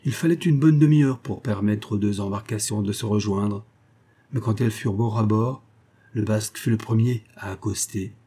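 A male narrator reading an adventure novel aloud at a measured pace. His voice is mellow and dark, with a husky grain. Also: fairly low pitch. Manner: measured storytelling. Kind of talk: audiobook narration.

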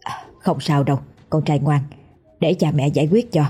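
The village chief's wife soothes her son in a soft, quiet voice, as a woman narrator puts her on. The tone sits low and husky with a dark warmth. It is a spoken horror story read over faint music. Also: normal speed. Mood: soothing.

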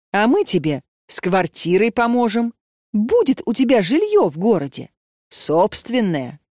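A woman voicing a calm, persuasive old matchmaker woman who speaks gently and patiently. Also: medium pitch, no echo, clean studio sound.

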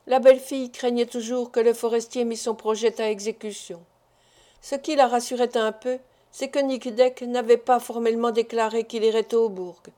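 A woman narrating a classic novel as an audiobook, in a measured, expressive reading. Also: fairly high pitch.

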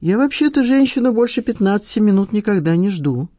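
Reader doing a whiny, defensive man in an audiobook, pitched up, lively swings. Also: a little fast, no room sound, studio quality, close to an everyday voice. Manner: aggrieved, defensive, whining. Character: whiny petty middle-aged man, self-pitying. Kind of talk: audiobook dialogue.

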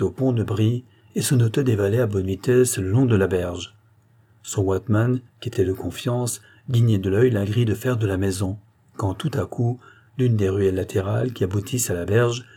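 Male audiobook narrator, mellow and slightly husky, measured delivery. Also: fairly low pitch. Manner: measured, unhurried reading with raised acted dialogue. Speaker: audiobook reader. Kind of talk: scripted narration.

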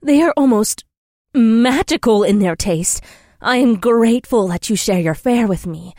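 A man's voice: very high-pitched, lively intonation, measured pace, darkish tone, no echo, studio quality, pitched above the performer's own voice, full character voice. A man voicing a formal warrior princess. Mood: earnest, wondering. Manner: formal stilted phrasing without contractions. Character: young woman warrior princess, formal, earnest, otherworldly.

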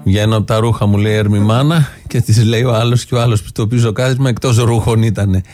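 A man's voice: fairly low pitch, fairly even intonation, over music. A male radio host giving a wry, sardonic link between comedy bits.

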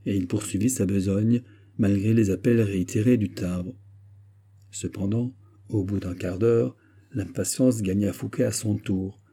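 Low, dark-voiced male audiobook reader. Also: fairly even intonation, a little slow, slightly rough. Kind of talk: scripted narration of a classic novel.

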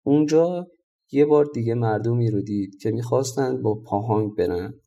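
A man narrating a folk tale in a calm, measured storybook reading. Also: mid-range voice, highs cut off.

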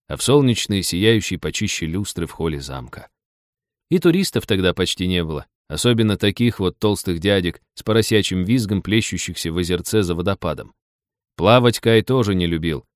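A man narrating an audiobook in an even, storytelling read. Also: sits low, no echo, studio quality. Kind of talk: scripted narration.

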